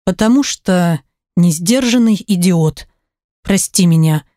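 A woman reading the part of a remorseful, hot-tempered man, dropping her voice low and slow to plead tenderly. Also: lively intonation, mellow, no echo, clean studio sound.

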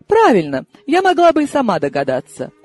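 A man reading an audiobook and voicing a sharp, sarcastic elderly grandmother who orders her granddaughter about. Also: very high-pitched, wildly swooping pitch, fairly quick, faint music behind, voice pushed up, full character voice. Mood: bossy, teasing. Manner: bossy, teasing.

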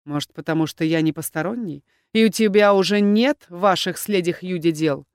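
A woman voicing a haughty young dark elf warrior, low and quiet, in an audiobook. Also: brisk, dry recording, clean studio sound, close to an everyday voice. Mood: cold threatening. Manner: cold and firm, then soft and gallant. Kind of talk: audiobook narration.

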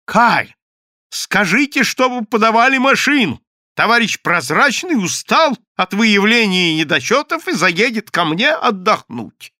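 A man voicing a brash, pushy male official who shouts and bosses people about. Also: high-pitched, wildly swooping pitch, normal speed, no echo, clean studio sound, pitched above the performer's own voice, full character voice. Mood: shouting. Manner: shouting, bossy.

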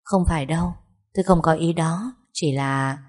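A timid young wife answers softly and hesitantly in an audio story, as a woman reads her. Her voice sits fairly low. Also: moderate pace. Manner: hesitant, soft.

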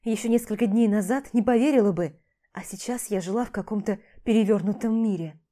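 A woman narrating a novel in the first person, with an emotional, expressive reading. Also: medium pitch, brisk. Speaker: audiobook narrator.

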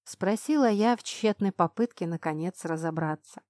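A woman's voice: moderate pace, dry recording. Woman reading a fantasy audiobook in first person, dry close sound, changes her voice for each character. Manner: voices characters by shifting pitch and loudness. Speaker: audiobook narrator.

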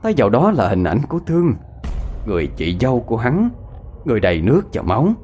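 A man narrating a ghost story in a dramatic, expressive way. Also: medium pitch, quick pace, slight background noise.

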